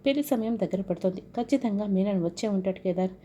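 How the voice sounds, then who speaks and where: A woman's voice: medium pitch, fast, dark tone, close to an everyday voice. A woman voicing a determined young woman who presses questions, read plainly. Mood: demanding.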